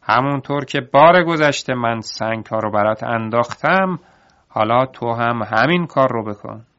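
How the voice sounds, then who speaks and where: A clever young laborer speaks in a calm, measured voice with a cunning edge, as a male storyteller puts him on. He sits in the middle of a spoken storybook. The recording is dull and lo-fi. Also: medium pitch, clear, resonant tone, natural voice. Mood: taunting.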